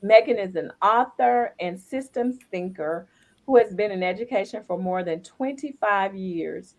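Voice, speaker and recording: A woman's voice: medium pitch, measured pace, darkish tone, poor audio. A woman podcast co-host reading upbeat introductions of guests.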